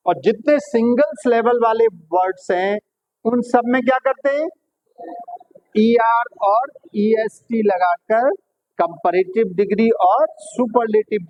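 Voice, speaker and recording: A man teaching an English grammar lesson, patiently checking with his pupils whether each point is clear. His voice sits high and he speaks at an unhurried pace. The recording is dull and lo-fi. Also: darkish tone. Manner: explains patiently, quizzing students with "clear?" and "right?"; addresses pupils as "beta".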